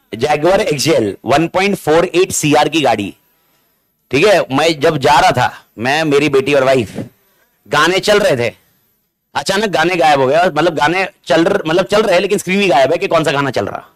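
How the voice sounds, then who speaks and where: A middle-aged man teaching a live classroom lecture that is also streamed online. He talks in an animated, teasing way, repeats key words and fires questions at the class over a classroom mic. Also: fairly high pitch. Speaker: accounting exam lecturer. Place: classroom with students present. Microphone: amplified classroom mic.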